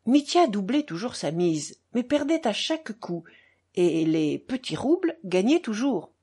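A woman narrating a novel aloud as an audiobook. Her tone is low, subdued and measured. She reads slowly, with a husky, breathy voice and a lively rise and fall.

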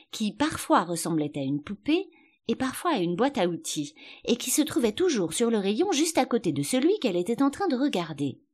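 A woman narrating a storybook in a measured, expressive reading. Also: medium pitch, breathy edge. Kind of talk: scripted audiobook narration.

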